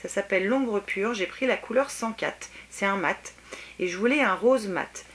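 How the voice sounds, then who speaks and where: A French beauty vlogger with a mid-range, slightly bright voice reviews makeup casually at a moderate pace. She's chatty and hesitant, using lots of fillers, and sounds eager about the products.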